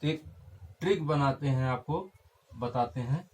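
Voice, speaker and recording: A man's voice: mid-range voice, unhurried. A young man teaching a Hindi grammar lesson, repeating key terms and checking in with his class.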